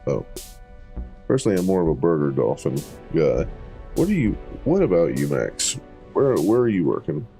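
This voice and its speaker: Deep-voiced guy doing a let's play, reading out all the game lines in goofy voices, mellow relaxed tone. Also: normal speed, faint music behind. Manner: reads every character's lines with playful voices and casual asides. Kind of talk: reading game dialogue aloud while playing.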